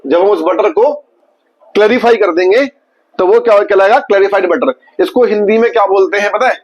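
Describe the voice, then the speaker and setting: Man, teacher, classroom vocabulary lesson, quizzes students, repeats words, high voice, muffled recording. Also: brisk.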